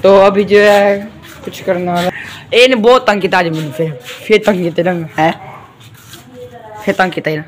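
A man's voice: high voice, moderate pace, pauses often. A man from Pakistan with a Punjabi accent, chatting casually as he vlogs his farm work outdoors, rambling and repeating filler words. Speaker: vlogger. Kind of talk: casual farm vlog narration. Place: outdoors on a farm and road, windy. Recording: noisy outdoor phone recording.

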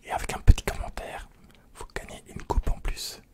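Young man in whispered hairdresser role-play. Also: normal speed. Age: young adult. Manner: soft whispering, relaxed and playful. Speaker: ASMR creator playing a hairdresser. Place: small indoor room at home. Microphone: large mic close in front.

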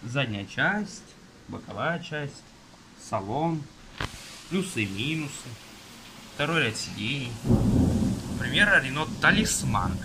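A young man casually reviewing a car magazine page by page, listing items in a halting way with fillers, filmed on a phone at a table indoors while rain falls outside. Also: mid-range voice, sing-song, background noise. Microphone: phone camera filming from above.

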